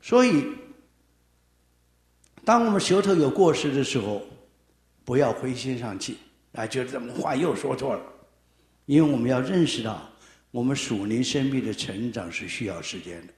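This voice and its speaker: A man preaching a sermon with an emphatic, animated delivery that swings between raised and lowered phrases. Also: moderate pace, pauses often, echoey room.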